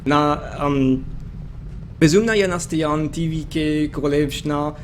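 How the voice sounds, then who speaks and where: A man's voice: a little high, measured pace, slight background noise. A man hosting and commentating a game match stream in a casual way, full of fillers and hesitations. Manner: chatty, hesitant with many fillers.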